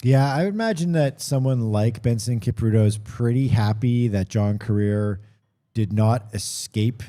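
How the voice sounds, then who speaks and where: A man's voice: medium pitch, moderate pace, dark tone. A man giving conversational live sports commentary on a race, thinking aloud and correcting himself as he goes.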